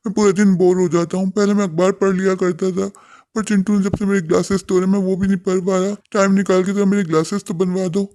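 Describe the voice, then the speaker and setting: In a cartoon, a man voices a lonely old father who can barely see. He keeps calling out in a plaintive, slightly raised voice, with flat intonation and fast speech. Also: sits high, lightly acted. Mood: pleading. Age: older. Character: elderly father, half-blind, pleading and lonely. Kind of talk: animated cartoon voice acting.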